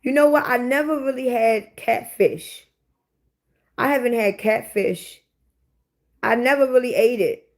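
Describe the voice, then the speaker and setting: A woman's voice: on the high side, unhurried, long pauses. A woman in her forties chatting live with her viewers, bluntly and profanely talking back to commenters. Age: 40s. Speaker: livestream host. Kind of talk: casual livestream chat with viewers.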